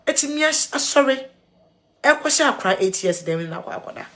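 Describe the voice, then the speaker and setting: Ghanaian woman vlogger, tearful, earnest, halting, code-switching. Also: sits high, very animated, a bit bright. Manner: earnest, mixes English and Twi, halting repeats. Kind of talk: emotional video commentary.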